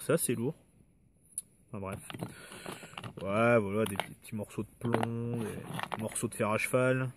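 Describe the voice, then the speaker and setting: A man walking through his metal detecting finds in a relaxed, hesitant way, with many fillers and asides. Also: fairly low pitch, vocal fry, noisy background. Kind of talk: casual show-and-tell of finds.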